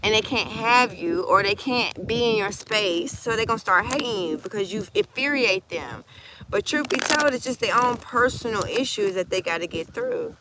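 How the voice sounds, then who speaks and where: A woman giving a casual, animated tarot reading outdoors by the water into a phone camera, swinging between hushed and loud. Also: mid-range voice, normal speed, background noise. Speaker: tarot reader. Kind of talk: casual emotional tarot vlog.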